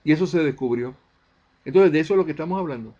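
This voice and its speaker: A man's voice: a little high, fast talker, warm tone, muffled recording. A man giving an impassioned monologue as a spiritist video presenter, emphatic, posing rhetorical questions and answering them himself.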